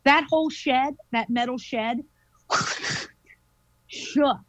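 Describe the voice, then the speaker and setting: A woman, a guest paranormal investigator, telling a story in an animated, chatty way with lots of fillers. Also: high voice, drawn-out words, no echo. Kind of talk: casual storytelling interview. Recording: dull lo-fi dry audio.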